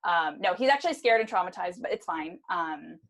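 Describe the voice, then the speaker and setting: A young adult woman co-hosting a casual podcast, animated and joking, with lots of restarts. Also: lowish voice, brisk. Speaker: podcast co-host. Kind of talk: casual chat.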